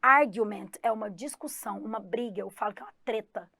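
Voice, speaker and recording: A woman's voice: medium pitch, fast talker, vocal fry, no room sound, clean studio sound. A woman from Goiás, Brazil, with a Goiás accent, giving a chatty online English exam-prep class and talking straight to her students. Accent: Goiás Brazilian Portuguese. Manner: lively, chatty, talks to students directly. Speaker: English teacher.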